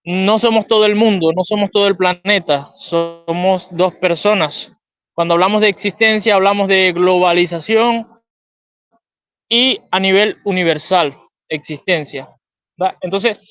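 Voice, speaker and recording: A Venezuelan man with a high voice lays out his philosophical idea in a calm, lecturing way. The sound is dull and dry, like a low-fidelity call. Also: unhurried, smooth, dry recording. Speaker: guest. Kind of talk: conversational philosophical discussion.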